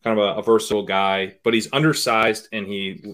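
A man who is a guest on a podcast, analyzing fantasy football picks in a hedging, casual way and often trailing off quietly. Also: lowish voice, fairly quick. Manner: hedging, many fillers and restarts, trails off quietly.

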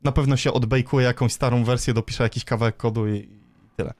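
A man's voice: medium pitch, steady tone, fast talker, darkish tone, dry recording, studio quality. A man hosting a podcast, talking casually about tech in a conversational way. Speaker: podcast host.

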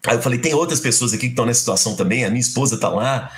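Middle-aged guy telling a story, gravelly voice, mid pitch, acts out the voices. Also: very fast. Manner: animated, acts out quoted dialogue. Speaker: guest. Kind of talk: personal storytelling in a conversation.

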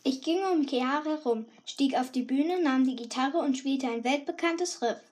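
A woman reading a first-person story aloud with a lively, cheeky teenage tone. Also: high voice, moderate pace. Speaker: audiobook narrator. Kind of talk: scripted first-person narration.

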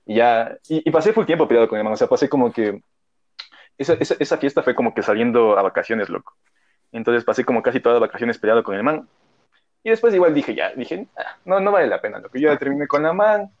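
Young guy rambling thru a story, talks fast, slangy, kinda dull lo-fi sound. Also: medium pitch, animated, a little mellow. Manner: slangy, rambling, heavy fillers. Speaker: podcast co-host. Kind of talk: casual storytelling. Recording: dull lo-fi audio.

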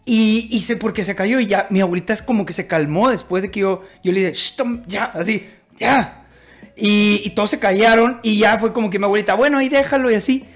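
A man with a Mexican Spanish accent telling family anecdotes in a casual podcast chat, animated and rambling, restarting his sentences. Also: high-pitched, fast talker, hardly any pauses, soft background music. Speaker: podcast co-host.

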